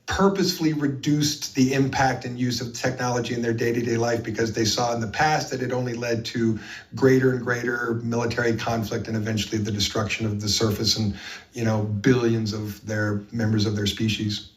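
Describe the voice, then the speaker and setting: A man's voice: medium pitch, level tone, a little fast, distant mic. A man being interviewed, recounting his experiences earnestly and with emphasis, with frequent fillers. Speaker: interview guest.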